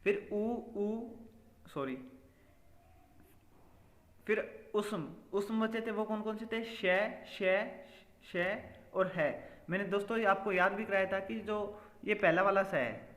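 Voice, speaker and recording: A man's voice: high voice, a little slow, pauses often, a bit bright. A male teacher giving an exam-prep grammar lesson, asking questions and answering them himself, repeating key points. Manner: repetitive quizzing, asks and answers himself. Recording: echoey room with long reverb.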